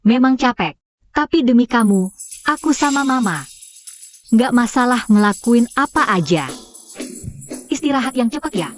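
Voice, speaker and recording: An actress voicing a sweet, quietly scheming young wife who sweet-talks her husband, in a dubbed drama. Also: fairly high pitch, expressive, normal speed, pauses often, no echo, faint music behind, natural voice. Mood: tender. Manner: sweet-talking.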